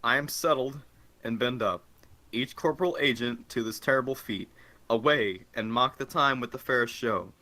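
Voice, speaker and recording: Plotting nobleman, read by a man, bright and sharp, stiff amateur recitation. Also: medium pitch, normal speed, close to an everyday voice. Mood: resolved. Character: wavering nobleman plotting a murder. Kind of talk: amateur reading of a classic play.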